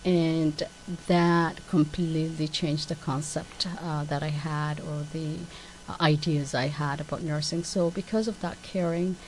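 Woman, middle-aged, from Somalia, very low voice, faint hiss, hesitant guest. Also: fairly even intonation, unhurried, rough recording. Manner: hesitant, many fillers and restarts. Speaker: guest, community nurse. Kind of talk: interview.

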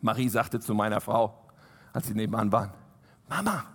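A man preaching a sermon to a congregation. He is animated, swinging from loud emphasis to soft, quiet asides. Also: fairly low pitch, fairly quick. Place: church hall. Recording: long hall reverb.

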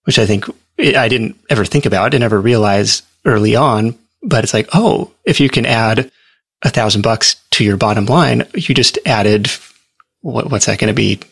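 A man being interviewed, easygoing and rambling, sprinkling his story with fillers. His voice is husky and rough with fry. The sound is dry, with no room echo. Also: on the low side, moderate pace, a bit bright. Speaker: guest. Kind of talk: casual interview.

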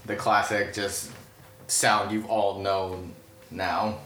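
A man narrating as game master of a tabletop game, relaxed and halting with fillers. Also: fairly low pitch. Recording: roomy, distant mic, faint noise.

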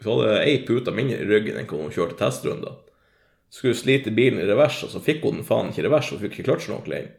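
Gravelly, excitable, cursing man storyteller. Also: lowish voice. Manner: profane, excitable, laughs often, frequent fillers. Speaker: guest telling a story. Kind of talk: casual storytelling chat. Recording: roomy echo.

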